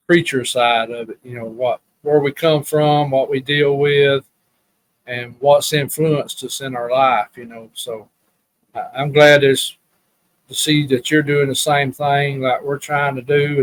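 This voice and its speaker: A podcast guest from Alabama, USA, reminisces in a casual, rambling, plain-spoken way with a Southern accent. His voice is mid-range, and the audio is poor but has no room sound.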